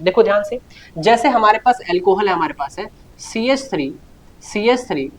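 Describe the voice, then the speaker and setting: A man teaching a chemistry lecture, repeating key words, asking questions and answering them himself, and often telling students to listen carefully and note things down. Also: high-pitched. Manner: repetitive, answers his own questions, keeps urging students to note down. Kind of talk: classroom lecture.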